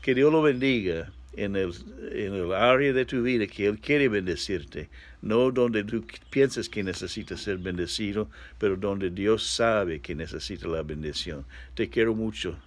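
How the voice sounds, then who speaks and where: A man preaching a devotional sermon as a pastor, speaking haltingly and sometimes searching for words. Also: on the low side.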